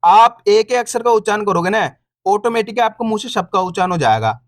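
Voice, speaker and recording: A man teaching reading online, sounding out syllables slowly, repeating each word and encouraging viewers as friends. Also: high voice, animated, no echo, clean studio sound.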